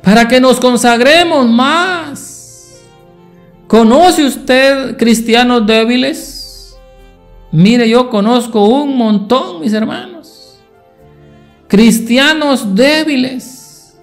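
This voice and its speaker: A man's voice: very high voice, very slow, pauses often, faint music behind. A man preaching a Sunday school sermon, asking the congregation rhetorical questions.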